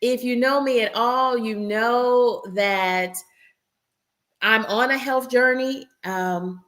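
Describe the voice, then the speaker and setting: A woman's voice: fairly high pitch, slow pace, fairly bright tone. A woman hosting a casual interview over a video call. She chats easily and speaks directly to her subscribers. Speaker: host.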